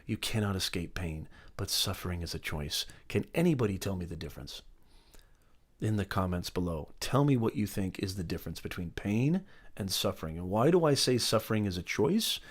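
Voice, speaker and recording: Middle-aged guy doing a motivational live stream, lowish voice, keeps repeating stuff, says hi to viewers. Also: animated, brisk. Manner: emphatic and repetitive, greets viewers by name.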